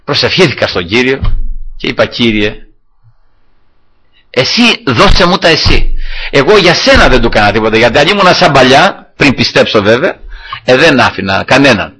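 A man's voice: medium pitch, sing-song, sharp tone, breathy edge. A man preaching a sermon to his congregation, telling a personal story and acting out the dialogue in it.

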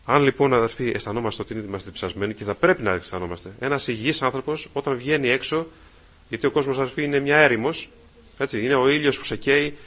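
Husky-voiced man preaching a sermon. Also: medium pitch. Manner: repeats "brothers" often, swells loud on key phrases.

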